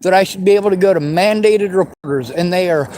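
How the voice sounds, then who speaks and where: A man's voice: sits high, fast talker, a little mellow, rough recording. Male, 40s, vlogger, bitter and sweary, light hiss behind the voice. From western United States. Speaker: vlogger answering viewer questions. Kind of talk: angry unscripted monologue.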